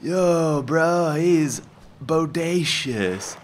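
A man's voice: fairly high pitch, expressive, extremely slow, slight background noise. A man voicing a laid-back young male surfer in a gaming video, with a slangy drawl. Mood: mellow.

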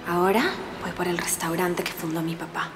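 A woman's voice: lowish voice, level tone, fairly quick, music in the background, close to an everyday voice. An actress playing a proud, worried young woman with a Peruvian accent in a telenovela. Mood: defiant. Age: 20s. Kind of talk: telenovela acting.

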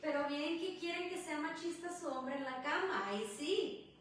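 Casting note: woman, high voice, teasing co-host, echoey room with faint noise. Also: normal speed. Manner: teasing, laughing.

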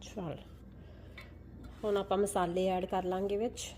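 A woman's voice: medium pitch, flat delivery, a little slow, warm tone. A young mother, chatting casually as she cooks in her home kitchen and playfully coaxing her toddler. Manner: playful, coaxing tone toward a small child. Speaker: mother cooking on a family channel. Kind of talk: casual cooking vlog talk with a toddler. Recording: noisy home kitchen recording.

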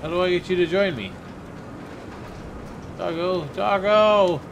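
A man's voice: sits high, big pitch swings, very fast, background noise. A man streaming a game, joking around and talking to his in-game dog and his viewers. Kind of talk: casual gameplay commentary.

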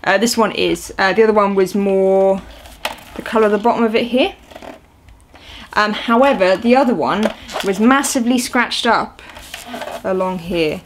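On a sofa in her small room at home, a young woman in her twenties hosts an on-camera unboxing, chatting casually and rambling with many ums and uhs. Her pitch is medium and her speed normal, with slight background noise.

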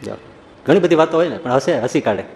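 A man giving a humorous religious talk, telling anecdotes in a lively storytelling way and acting out the people in them. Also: medium pitch, quick pace, a little hiss or hum. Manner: storytelling, animated, acts out quoted voices. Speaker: preacher. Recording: long hall reverb.

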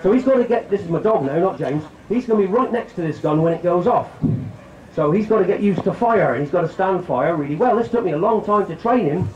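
A man's voice: high-pitched, animated, quick pace, darkish tone, roomy sound, muffled recording. A man giving a jokey, chatty shooting demonstration to a crowd at an outdoor country show. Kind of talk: outdoor live demonstration talk.

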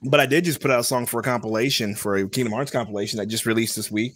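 A man's voice: mid-range voice, steady tone, rapid-fire, a bit bright. Laid-back man on a live stream. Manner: laid-back, dry pushback. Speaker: podcast co-host. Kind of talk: casual live game-reaction stream.

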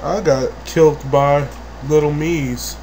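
A man hosting a let's play, talking crudely and profanely as he plays, breaking into sudden loud outbursts. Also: a little high, steady tone, slow, a little hiss or hum. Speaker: gaming channel host.

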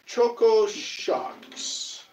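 A man's voice: high-pitched, lively intonation, very slow, darkish tone. A middle-aged man co-hosting a live snack review, talking enthusiastically about candy he tried. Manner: enthusiastic, hyping up the food. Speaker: co-host. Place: green-screen studio room. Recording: roomy, distant mic with faint noise.

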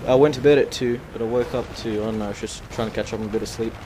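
A young man chats loosely over his match footage, his mid-pitched voice wandering from point to point between lots of ums and uhs. Faint gunfire from the game sits under his voice. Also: fairly even intonation, very fast, noisy background. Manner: rambling, filler-heavy, chatty. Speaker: gameplay commentator. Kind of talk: casual gameplay commentary.

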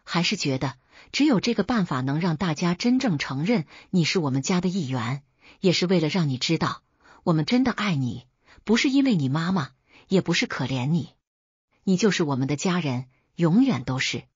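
A woman voicing a wealthy middle-aged stepmother, brisk but caring, in a narrated story. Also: lowish voice, expressive, husky, no room sound, lo-fi sound. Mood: tender. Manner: brisk, gently teasing.

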